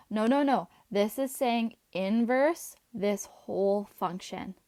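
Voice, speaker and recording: A woman teaching a math class, chatty and talking her students through each step as she writes, her voice a little hoarse. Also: medium pitch, no room sound, studio quality. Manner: chatty, talks while writing, asides to students. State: voice going, slightly hoarse.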